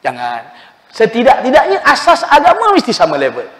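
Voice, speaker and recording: Man, high voice, mosque sermon, lively storytelling, long hall reverb. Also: fairly quick. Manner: animated storytelling, addresses listeners as "tuan-tuan". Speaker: preacher.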